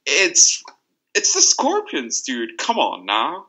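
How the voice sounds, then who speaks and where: A man's voice: a little high, wildly swooping pitch, slow pace, sharp tone, slightly rough, low-quality recording. A man from Lebanon in casual podcast chat, laid-back, saying dude a lot and swearing.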